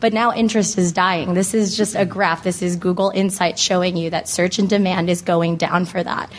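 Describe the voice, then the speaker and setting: Hoarse, low-voiced American woman moderating. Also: steady tone, normal speed. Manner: casual, conversational, frequent "like" and "you know". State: hoarse from laryngitis. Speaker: panel moderator. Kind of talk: informal panel introduction to an audience.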